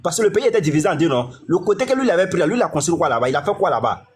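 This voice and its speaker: A man's voice: on the high side, animated, rapid-fire, husky. A man in a heated political argument, pressing his opponent and demanding answers. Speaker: debate participant.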